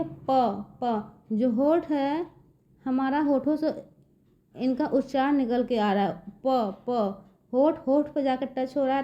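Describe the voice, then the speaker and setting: A woman teacher patiently explaining to children, repeating herself and guiding them step by step. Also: high voice. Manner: patient, repeats "देखिए बच्चों" often. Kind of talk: slow classroom explanation to children. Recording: dull lo-fi recording.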